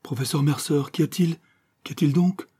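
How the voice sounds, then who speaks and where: A terrified young woman cries out in horror, her voice pushed high and loud, as a man reading the story puts her on. A husky edge stays under the raised voice. It plays like a dramatic storybook reading. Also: steady tone, normal speed. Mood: panicked. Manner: crying out in horror.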